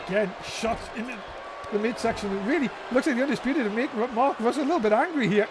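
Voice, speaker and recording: High-pitched, excitable male wrestling commentator. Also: fast. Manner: excitable, exclaiming at big moves. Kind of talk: live play-by-play wrestling commentary. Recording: noisy event audio with crowd behind. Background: crowd noise.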